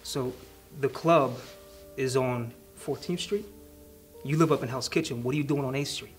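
A man's voice: medium pitch, moderate pace, natural voice. Guy acting tough cop detective, sarcastic n blunt, grilling someone in a crime drama, bit of music behind. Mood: sceptical pressing. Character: tough, sardonic male police detective interrogating a witness. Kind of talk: naturalistic screen acting, interrogation scene.

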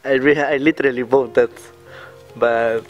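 A man's voice: medium pitch, steady tone, normal speed, soft background music. A man in his late teens, a student vlogger, chatting casually outdoors beside a building and rambling with lots of fillers and small laughs. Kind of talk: casual vlog chat.

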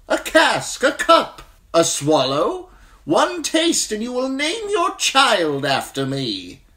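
A man voicing a small, flamboyant male wine merchant who hawks his wares in a high, drawn-out, theatrical cry. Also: huge pitch swings, bright, forceful tone, heavily acted. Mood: hawking.

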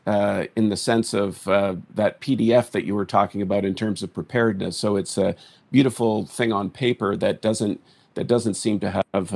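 A middle-aged man moderating a conference discussion over a video call from a home study, speaking haltingly with many fillers and restarts. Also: on the low side, creaky, a little mellow, husky. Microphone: video call with earphone mic.

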